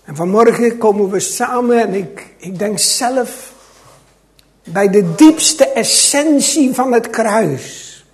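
High-pitched man, slow deliberate sermon with dramatic swings in loudness. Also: animated. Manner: slow, dramatic delivery with wide swings between loud and hushed. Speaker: preacher. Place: church.

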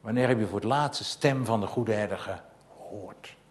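A man's voice: fairly low pitch, normal speed. A man preaching a sermon, asking rhetorical questions and repeating phrases with growing insistence. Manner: rhetorical questions and insistent repetition, swelling to loud emphatic passages.

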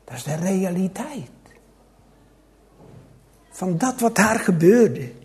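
High-pitched man, slow deliberate sermon with dramatic swings in loudness. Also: sing-song. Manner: slow, dramatic delivery with wide swings between loud and hushed. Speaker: preacher. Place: church.

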